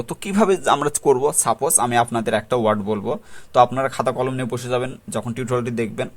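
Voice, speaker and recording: Bangladeshi man teaching vocabulary. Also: mid-range voice. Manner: rhetorical questions, mixes English terms. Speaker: vocabulary tutor. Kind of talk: explanatory tutorial talk.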